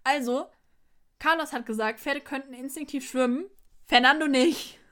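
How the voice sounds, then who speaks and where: A young woman with a high, fairly bright voice co-hosts a podcast, talking at a normal pace. She casually recaps an episode, retelling scenes with quoted lines and laughing often.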